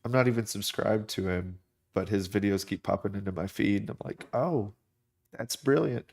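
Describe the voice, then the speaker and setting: A man with a very low, deep voice talks casually to his viewers while he draws. He rambles, restarts his sentences and fills pauses with "um". It sounds like a desk microphone at his computer. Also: vocal fry. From United States. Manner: relaxed, rambling, many fillers and restarts. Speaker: artist live streaming a drawing session.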